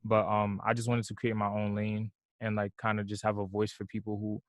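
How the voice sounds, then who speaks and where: A young man, a musician and designer talking softly in a casual interview, with many "like"s and "um"s. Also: on the low side, monotone, a little fast, no room sound. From Brooklyn, New York. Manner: soft-spoken, lots of "like" and "um". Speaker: guest musician and fashion designer.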